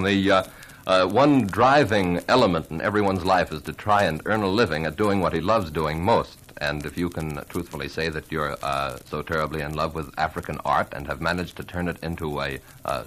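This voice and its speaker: Deep-voiced polite radio interviewer. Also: male voice, fairly bright tone. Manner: polite, hesitant with many filler sounds.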